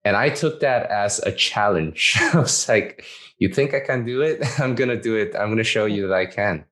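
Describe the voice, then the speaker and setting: A man's voice: lowish voice, moderate pace, fairly bright tone. A man from Malaysia hosting a casual podcast interview, hesitant, with restarts and fillers. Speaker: podcast host.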